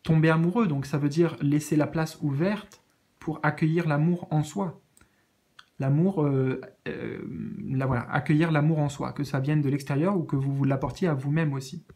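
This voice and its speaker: A man giving a casual spiritual card reading, gentle and reassuring, often hesitating and searching for words with many fillers. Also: on the high side, steady tone, normal speed. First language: French. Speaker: tarot card reader.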